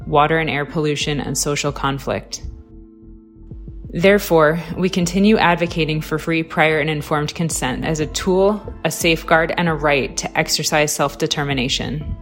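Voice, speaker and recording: Lady reading a serious radio documentary script, lowish voice, measured and clearly enunciated, bit of music behind. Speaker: radio program narrator.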